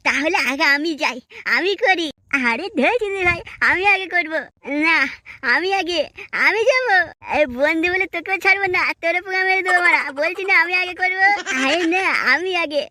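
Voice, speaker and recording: A man voicing a crude, hot-headed, boastful young village man in a comic cartoon, with a pitched-up, foul-mouthed, blustering delivery. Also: fairly quick, bright, forceful tone, no room sound, full character voice. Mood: angry, boastful.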